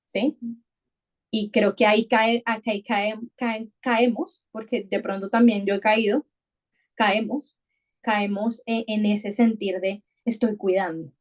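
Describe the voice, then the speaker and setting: Brief: woman host, mid-pitched, musing and self-correcting. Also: fairly even intonation, measured pace. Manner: thoughtful, many restarts and repetitions. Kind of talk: reflective conversational podcast talk.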